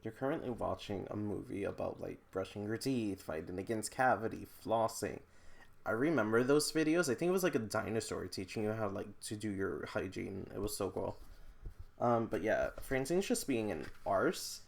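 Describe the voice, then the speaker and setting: A book vlogger chats casually while reacting to books in a read-along, tossing out playful, incredulous commentary and slangy asides. His voice is fairly low and gravelly, with lively intonation at a moderate pace.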